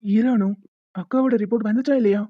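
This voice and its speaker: A woman voicing a soft-hearted young father in a cartoon, fretful and doting. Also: on the high side, steady tone, fast talker, no room sound, phone-quality sound, natural voice. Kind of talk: cartoon voice acting.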